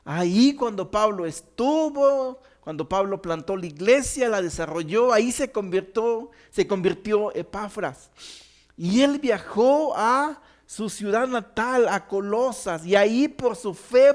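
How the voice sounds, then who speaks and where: A man teaching a Bible study, earnest and slowing down to stress key words. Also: sits high.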